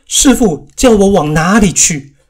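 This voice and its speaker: A man's voice: mid-range voice, expressive, moderate pace, breathy edge. A man voicing a clever, eager male monkey disciple in an audiobook, pleading and boastful by turns.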